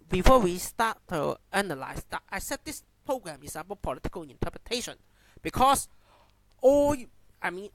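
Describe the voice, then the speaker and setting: A man from Hong Kong, a native Cantonese speaker with a heavy Cantonese accent, gives unscripted commentary haltingly, often repeating and restarting phrases. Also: fairly high pitch, dry recording, low-quality recording. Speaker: amateur YouTube commentator.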